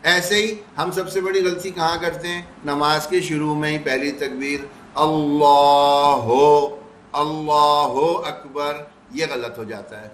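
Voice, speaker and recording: A man teaching recitation, patiently repeating sounds slowly to demonstrate them. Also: fairly high pitch, sharp tone, roomy sound, slight background noise. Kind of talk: explanatory lesson.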